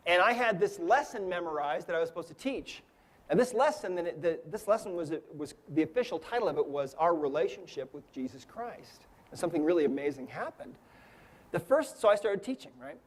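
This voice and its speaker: Man, fifties, high voice, storytelling lecture, chatty, tag questions. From United States. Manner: conversational, checks in with frequent "right?" and "okay?". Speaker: energy healing teacher.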